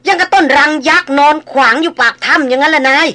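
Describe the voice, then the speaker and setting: A woman voicing a shaken male tracker, talking loudly and excitedly. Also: high-pitched, fast, voice pushed up.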